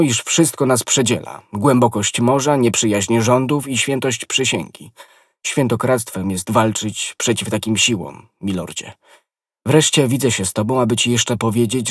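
A man voicing a proud young queen in an audiobook reading, earnest and guarded, with a slightly husky tone. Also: medium pitch, no room sound, clean studio sound, pitched above the performer's own voice, lightly acted. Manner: earnest pleading, quickening when urgent.

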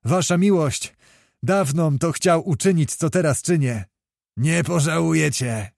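A man's voice: fairly high pitch, measured pace, gravelly, darkish tone, no room sound, studio quality. A man voicing a loyal army officer who respectfully and earnestly explains himself to his commander.

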